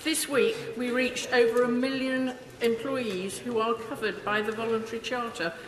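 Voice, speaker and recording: A woman's voice: fairly high pitch, fairly even intonation, moderate pace. A woman putting a formal question as a member of parliament. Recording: echoey hall with crowd murmur.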